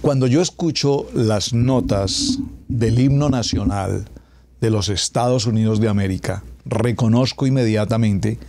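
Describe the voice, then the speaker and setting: A middle-aged man preaching a radio sermon as a pastor, emphatic, stretching key words and dropping to a hush at climaxes. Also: fairly low pitch, a little slow. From Colombia.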